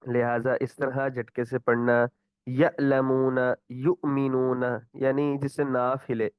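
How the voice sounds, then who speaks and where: A man with a Pakistani Urdu accent teaches Quran recitation online, explaining patiently, asking and repeating questions, and reciting example words slowly. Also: medium pitch, flat delivery, smooth, dry recording. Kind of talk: online tajweed lesson. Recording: tinny phone-like line.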